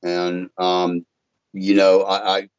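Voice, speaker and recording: A low-voiced man from Virginia tells stories in a halting way, stopping and restarting his sentences often. His voice comes through as flat, dull lo-fi audio. The recording is very dry. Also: clean tone, no room sound. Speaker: guest, tint shop owner. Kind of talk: podcast interview.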